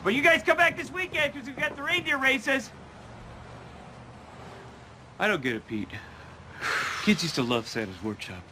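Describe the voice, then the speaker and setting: An excitable Santa's workshop owner. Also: male voice, extremely high pitch, normal speed, long pauses, background noise. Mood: exasperated. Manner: playful, excitable, teasing. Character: jolly middle-aged man who runs a Santa's workshop. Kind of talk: film acting.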